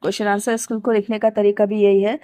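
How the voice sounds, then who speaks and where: A woman's voice: mid-range voice, level tone, fast talker, mellow, no echo, studio quality. A woman teacher educator with an Indian Hindi accent, explaining teaching skills in a casual spoken lesson, with many fillers and English terms mixed in.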